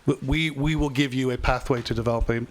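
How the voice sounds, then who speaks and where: A man who is a club chief executive, answering supporters' questions at a fans forum in a brisk, reassuring way with quick restarts. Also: medium pitch, fairly even intonation. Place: club function room.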